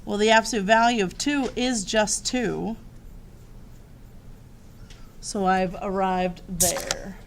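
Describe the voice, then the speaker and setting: A woman's voice: mid-range voice, steady tone, slow, pauses often, slight background noise. A woman teaching a math lesson, upbeat and walking the class through each step.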